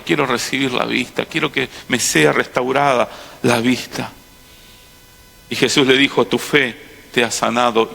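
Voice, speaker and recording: A man with a Rioplatense Spanish accent preaching a sermon as pastor, swinging between hushed lines and loud impassioned bursts. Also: medium pitch, creaky. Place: large auditorium. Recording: long hall reverb.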